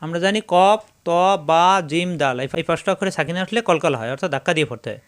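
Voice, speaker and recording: A man teaching Quran recitation, spelling out syllables slowly and then chanting the verses drawn out. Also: on the high side, expressive, fairly bright tone, clean tone.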